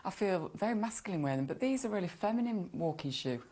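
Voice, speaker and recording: A woman's voice: mid-range voice, lively intonation, quick pace, warm tone. A woman on a live TV shopping show, eagerly agreeing and praising the shoes.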